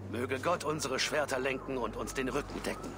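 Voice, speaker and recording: An actor playing an earnest, devout soldier and loyal comrade in a video game. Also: male voice, mid-range voice, a little fast, noisy background, close to an everyday voice.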